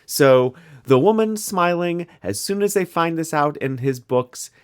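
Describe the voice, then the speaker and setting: Podcast co-host, young Midwestern American man, lively swooping pitch, jokey and quick. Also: clean tone. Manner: animated, jokey, quick restarts. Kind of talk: casual chat.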